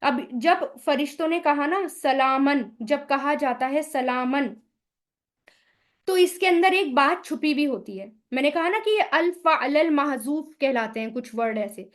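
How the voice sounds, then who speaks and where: High-voiced woman teaching Quran grammar. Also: expressive. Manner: asks the listener questions, then answers them; spells out Arabic vowel sounds slowly. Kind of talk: explaining Arabic grammar in a recorded lesson.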